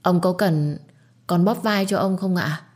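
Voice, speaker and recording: A woman's voice: fairly low pitch, measured pace, darkish tone. A woman voicing a scheming young girl who talks in a sweet, wheedling way. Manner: sugary, wheedling.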